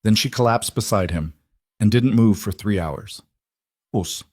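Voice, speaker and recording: A man narrating a scripted audiobook romance story in a measured, dramatic storytelling manner. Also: lowish voice, darkish tone, no room sound, studio quality.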